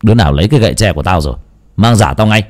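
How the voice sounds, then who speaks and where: A man's voice: fairly low pitch, animated, racing, darkish tone, close to an everyday voice. A man voicing a hot-tempered young master of a wealthy house who barks orders at his servants. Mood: gruff. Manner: gruff, barking, domineering.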